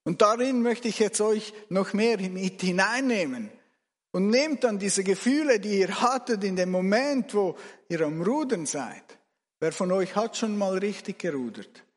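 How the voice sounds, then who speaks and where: A man leads a guided imaginative sermon, speaking slowly and letting his voice rise high and drop low. His voice sits fairly high for a man. A long reverb trails each phrase, as in a large hall. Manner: slow, expressive storytelling, swinging between loud and hushed. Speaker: preacher.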